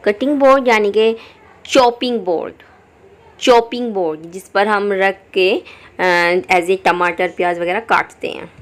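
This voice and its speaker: A woman teaching English words for kitchen items in Hindi, repeating each word slowly and clearly. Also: medium pitch. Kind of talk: vocabulary lesson.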